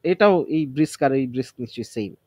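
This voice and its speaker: A man's voice: medium pitch, animated, fast talker, darkish tone, dry recording. Man explaining vocabulary aloud. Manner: thinks aloud, self-testing word by word; mixes English words into Bengali explanations. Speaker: vocabulary teacher. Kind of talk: casual vocabulary study session.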